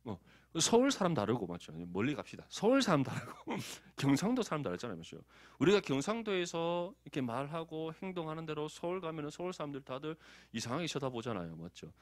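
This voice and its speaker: This Daegu-born pastor with a Gyeongsang accent preaches a conversational sermon, animated and asking his congregation to agree. His voice runs on the high side, a little fast with hardly any pauses, in a dry, clean studio recording.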